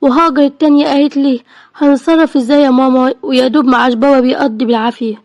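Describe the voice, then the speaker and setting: امرأة تؤدي صوت أم أرملة قلقة بلهجة مصرية. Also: female voice, sits high, fairly even intonation, rapid-fire, darkish tone, dry recording, muffled recording. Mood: worried. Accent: Egyptian Arabic. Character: poor widowed young mother, worried and tender.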